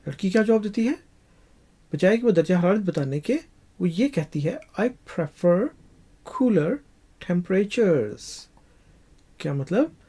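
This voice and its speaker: A teacher walks through an English lesson at an unhurried, deliberate pace, repeating every phrase and stretching out each English example. The voice is warm and somewhat husky, with a lively rise and fall in pitch.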